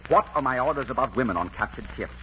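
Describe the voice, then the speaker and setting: A male actor voices a commanding pirate captain in an old radio drama, issuing firm orders with authority and teasing his captives. He talks fast and animatedly in a medium-pitched, slightly bright, natural voice, heard through a hissy, muffled old recording.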